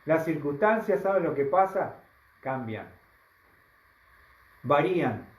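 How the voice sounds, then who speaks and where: A man with a Rioplatense Spanish accent preaching a sermon, slow and emphatic, often asking the congregation rhetorical questions. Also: a little high, lively intonation, reverberant, poor audio. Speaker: pastor.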